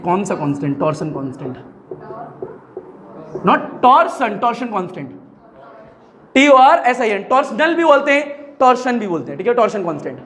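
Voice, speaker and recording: Man, physics teacher, very high voice, chatty lecture style, keeps repeating key terms. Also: very animated, quick pace, a bit bright. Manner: chatty, repeats key words, prompts students to answer. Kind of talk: classroom lecture dictating notes.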